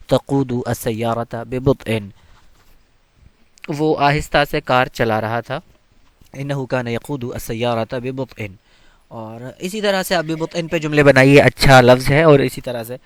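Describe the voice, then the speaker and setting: A man's voice: mid-range voice, no room sound. A man teaching an Arabic text. He reads each line, then translates and explains it, with many hesitant fillers.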